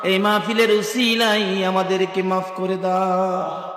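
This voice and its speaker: A man's voice: high-pitched, level tone, takes it slowly, fairly bright tone. A man from preaching a sung waz sermon at a religious gathering, chanting in a melodic, wailing way. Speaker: Islamic preacher. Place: large religious gathering over loudspeakers. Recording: echoey hall sound with faint music.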